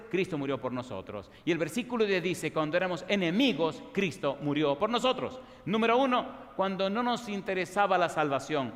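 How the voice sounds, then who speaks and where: A pastor preaching a sermon, asking the congregation repeated questions and building to fervent emphasis. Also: male voice, fairly high pitch, long reverb tail. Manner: call-and-response questions, rising to fervent emphasis.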